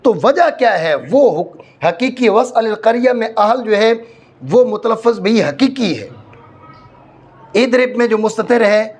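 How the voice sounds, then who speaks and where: Lecturing on Arabic grammar in class, a Pakistani man explains methodically, repeats points, and keeps checking that his students understand. His voice is high-pitched with lively intonation.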